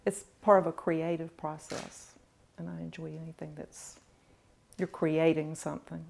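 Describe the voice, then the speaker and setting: A middle-aged woman, a home cook being interviewed in a large home kitchen, talking in a relaxed, plain-spoken way with dry humor. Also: deep voice, moderate pace, creaky, slight background noise. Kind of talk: casual interview.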